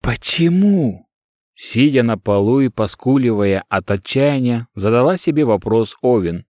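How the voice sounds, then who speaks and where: Brief: man narrating an audiobook, even delivery, dry studio sound. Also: mid-range voice, moderate pace, dry recording. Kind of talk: scripted narration.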